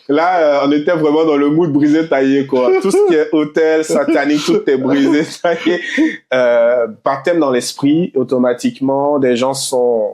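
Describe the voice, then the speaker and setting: A young man from Côte d'Ivoire tells his faith story in a relaxed conversation. He laughs often and repeats words as he goes. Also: medium pitch. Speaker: guest sharing a faith testimony. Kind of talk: casual faith testimony conversation.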